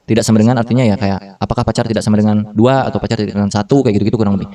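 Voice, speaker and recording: This thirty-something man teaches coding at a very fast clip in a steady, mellow, fairly low voice, heard through a distant mic. He's a programming tutor whose speech is casual Jakarta slang, sprinkled with fillers and self-corrections.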